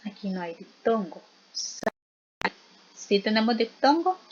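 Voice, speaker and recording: Slow, patient woman teacher. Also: fairly high pitch, very animated, a little mellow, breathy edge, muffled recording. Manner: slow, patient explaining with frequent check-in questions. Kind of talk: spelling lesson.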